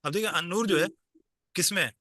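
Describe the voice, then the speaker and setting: A man's voice: sits high, bright, forceful tone, no room sound. A man teaching an online class, explaining patiently step by step and quizzing his students as he goes, heard over a video call.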